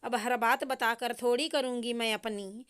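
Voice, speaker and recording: Spoiled young bride, sulky and defiant, read by a lady, a bit high and smooth. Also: fairly even intonation, unhurried, a bit bright. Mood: angry.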